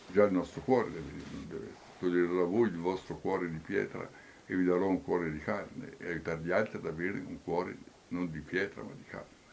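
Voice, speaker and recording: A man, a priest giving a homily who reads scripture, then swings between loud calls and near whispers. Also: deep voice, slight background noise.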